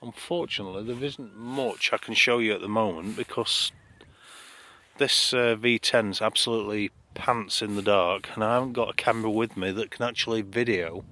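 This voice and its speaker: A British landscape photographer gives casual, chatty narration for his photography vlog. His voice is fairly low and sharp in tone, at a moderate pace. Faint background noise can be heard.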